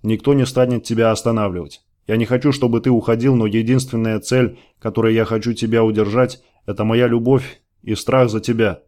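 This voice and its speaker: A man reading the lines of a worried, loving woman who gently pleads with her lover in an audiobook. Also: medium pitch, fairly even intonation, a little fast, hardly any pauses, natural voice. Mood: tender.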